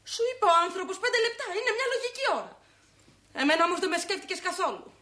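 An actress playing an anxious wife who fires quick, doubtful questions and retorts at her husband. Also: very high voice, lively intonation, sharp tone, roomy sound, exaggerated voice.

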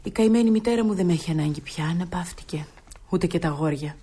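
An actress playing Christina, a weary widow worn down by years of hard work, in a radio play, speaking in a tired, earnest, measured way. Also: female voice, fairly low pitch, dark tone, slightly rough.

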